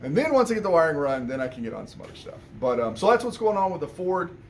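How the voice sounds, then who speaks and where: A man's voice: fairly high pitch, very animated, quick pace, darkish tone, a little hiss or hum. A man who owns an auto repair shop, talking casually in a rambling way about what's going on at his shop. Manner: rambling, conversational, many restarts and fillers. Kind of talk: casual shop update vlog.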